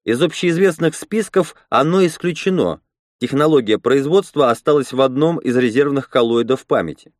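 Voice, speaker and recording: A man's voice: medium pitch, moderate pace, darkish tone, no room sound, clean studio sound, pitched above the performer's own voice, close to an everyday voice. A man reading a story, voicing a pleased male leader giving a speech to a crowd. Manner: speechmaking, smug. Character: male rebel leader Zyama, pleased orator.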